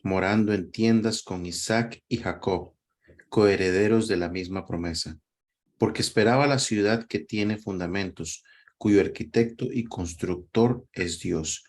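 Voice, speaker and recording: A man reading a Bible passage aloud in a measured, solemn way. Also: deep voice, a little mellow.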